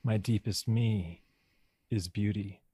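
A man guides a meditation in a low, husky voice with a dark, mellow tone. He speaks hushed and slow, repeating each affirmation gently. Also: fairly even intonation, no echo.

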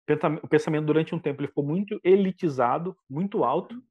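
Quick-talking, animated teacher. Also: medium pitch, breathy edge, highs cut off. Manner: animated, acts out quoted voices. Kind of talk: casual podcast chat.

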